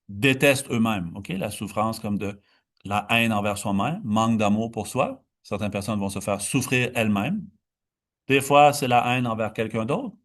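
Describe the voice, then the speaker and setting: A man teaching meditation in a dharma talk, explaining slowly, stretching key words and often restarting. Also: mid-range voice.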